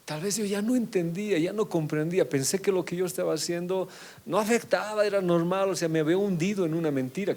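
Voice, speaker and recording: A middle-aged man preaching a confessional, emotional sermon that swings from loud to hushed. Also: mid-range voice, creaky.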